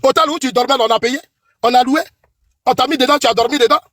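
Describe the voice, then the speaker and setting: A middle-aged man with an Ivorian French accent hammers out a combative political rant, accusing and repeating himself for emphasis. His voice sits very high for a man and sounds husky. The sound is dry and close. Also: quick pace, a bit bright, no room sound. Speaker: political commentator. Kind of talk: heated political tirade.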